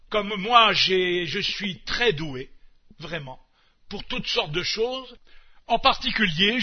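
A man performing a comic stage monologue in a pompous, mock-lecturing manner. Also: sits high. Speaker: comedian. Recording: muffled old radio recording.

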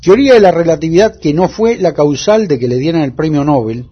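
Husky porteño guy doing a radio piece, fairly high voice, earnest and deliberate, dull lo-fi sound. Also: lively intonation. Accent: Buenos Aires Spanish. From Argentina. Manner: earnest, deliberate delivery with repeated emphasis. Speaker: radio correspondent. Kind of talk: radio commentary. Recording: dull lo-fi audio.

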